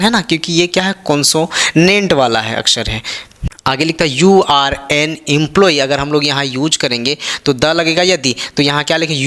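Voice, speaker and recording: A man's voice: fairly high pitch, pushed and bright. A male teacher explaining a grammar lesson, asking the class rhetorical questions as he goes. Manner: drills students with repeated rhetorical questions. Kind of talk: classroom-style lesson in Hindi.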